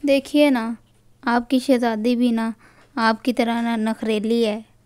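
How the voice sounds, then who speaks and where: A man's voice: very high-pitched, level tone, slow pace, darkish tone, smooth, pitched above the performer's own voice. A man voicing a young mother who scolds her playful daughter and complains to her husband in a fussy, teasing tone. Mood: complaining.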